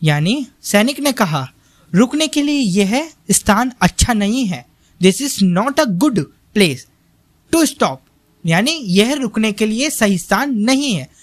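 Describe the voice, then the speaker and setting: A young male tutor works through a textbook chapter at a very slow, deliberate pace. He reads each line and then explains it, asking quiz-style questions. His voice is close and dry, with no room sound. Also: high-pitched, big pitch swings, no echo. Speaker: teacher.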